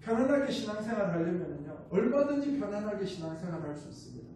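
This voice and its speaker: High-voiced Gyeongsang preacher in an echoey hall. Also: male voice, very animated, quick pace, dark tone, a little hiss or hum. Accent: Gyeongsang Korean. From Gyeongsang region, South Korea. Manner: storytelling with rhetorical questions and acted-out quotes. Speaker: missionary preacher. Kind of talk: sermon. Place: church sanctuary. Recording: echoey church hall, mic at a distance.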